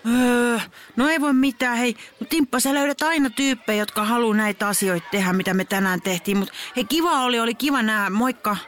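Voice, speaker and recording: A woman's voice: a little high, a bit bright, slight background noise, close to an everyday voice. A woman voicing a playful schoolboy who talks in a casual, teasing way. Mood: friendly. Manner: casual, teasing kid talk.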